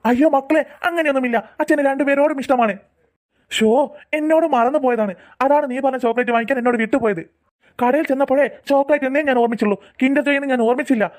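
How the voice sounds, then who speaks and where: Woman voicing a pleading cartoon father, rather high voice, talks fast. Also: lightly acted. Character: soft pleading father, flustered and apologetic. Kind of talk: cartoon voice acting.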